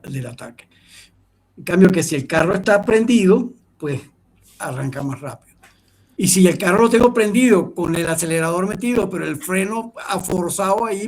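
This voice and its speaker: A middle-aged man lectures an online class in a gravelly, husky voice. He sits a little high for a man and rambles, restarting phrases and checking in with his listeners.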